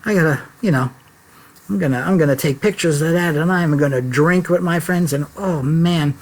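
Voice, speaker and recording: A man's voice: fairly high pitch, fairly quick. A man hosting a casual livestream check-in from his laptop at home, rambling and chatty with lots of fillers and restarts. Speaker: website founder and host of a live check-in. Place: home office. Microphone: laptop mic.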